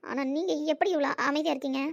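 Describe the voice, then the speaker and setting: A woman's voice: sits high, rapid-fire, gravelly, muffled recording. A woman voicing a childlike, innocent, sweet-natured young woman who chatters eagerly.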